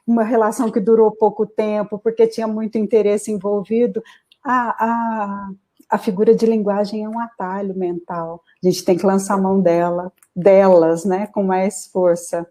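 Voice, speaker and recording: A middle-aged woman speaking as the guest expert in a live online interview, explaining at length in an animated, emphatic way over a video call. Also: mid-range voice. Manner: animated, lecturing, emphatic slowdowns.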